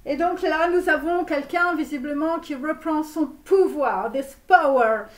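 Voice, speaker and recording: A woman doing a flamboyant Romanian tarot guru. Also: sits high. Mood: pompous. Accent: put-on Romanian accent in French. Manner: grandiose, sprinkles English words, drawn-out phrases. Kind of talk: parody tarot reading. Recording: roomy echo, mic far off.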